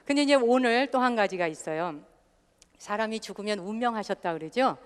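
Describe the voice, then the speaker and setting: A woman, a Buddhist nun hosting a live public broadcast, tells stories to an audience and mimics regional dialects in a lowered voice. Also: expressive, fairly quick, clear, resonant tone. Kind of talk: storytelling talk before a live audience. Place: stage before a live audience. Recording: hall reverb from a live stage.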